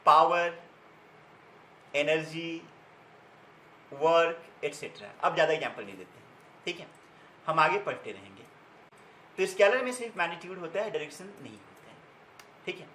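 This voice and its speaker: A man's voice: fairly high pitch, very animated, moderate pace, long pauses, bright, forceful tone, echoey room, slight background noise, poor audio. A man teaching a physics class, repeating key terms and quizzing his students, switching between Hindi and English terms. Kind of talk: classroom lecture.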